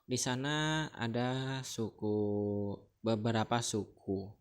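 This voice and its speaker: A man's voice: medium pitch, slow pace, clear, resonant tone. A man from Central Kalimantan, Indonesia, teaching a lesson in a casual, chatty way and often checking in with the listener. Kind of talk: casual explanatory lecture.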